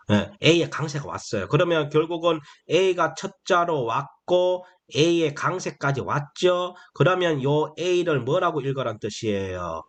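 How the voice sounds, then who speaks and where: A man teaching English phonics to beginners in a slow, explanatory way. He keeps asking questions and answering them himself, and he drags out the key phrases. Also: a little high. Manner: repetitive, asks and answers his own questions; drawls key phrases slowly.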